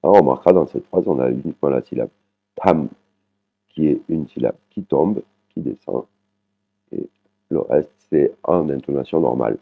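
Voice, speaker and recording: A man with an extremely deep voice walks learners through a language lesson. He explains patiently, often tags his sentences with "hein", and repeats practice words slowly. The sound is thin and tinny, like it is coming down a phone line. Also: vocal fry. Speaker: Thai language teacher.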